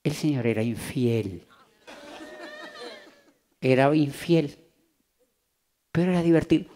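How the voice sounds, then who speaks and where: A man from Latin America telling an animated personal story to a convention audience, acting out the voices in it. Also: medium pitch, slow pace. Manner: animated, acts out voices in his anecdotes. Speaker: motivational speaker. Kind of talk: storytelling talk to a live audience. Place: convention hall.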